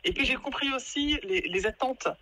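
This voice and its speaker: A woman's voice: high-pitched, normal speed, no echo. A Parisian-born woman in her thirties, a guest coach telling her story in a casual podcast chat, full of fillers and restarts. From France, Paris. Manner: hesitant, many fillers and restarts, animated retelling.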